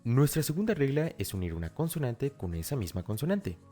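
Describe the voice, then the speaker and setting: A man's voice: mid-range voice, big pitch swings, a little fast, dark tone, faint music behind. A man giving a scripted language lesson, explaining step by step and speaking directly to the learner. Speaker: English teacher. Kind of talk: scripted tutorial narration.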